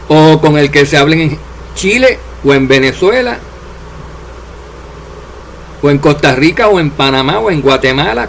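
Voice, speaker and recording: A man preaching a sermon, addressing his listeners directly and letting his voice drop low and soft at the ends of phrases. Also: a little hiss or hum. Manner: addresses listeners as dear servants, drops voice at endings.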